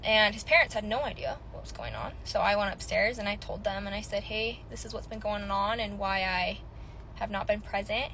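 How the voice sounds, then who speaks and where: Bright-voiced Utah woman, chatty storyteller. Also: mid-range voice, brisk, a little hiss or hum, low-quality recording. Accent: Utah American. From Utah, United States. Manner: chatty, many "like"s. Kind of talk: casual personal storytelling to camera.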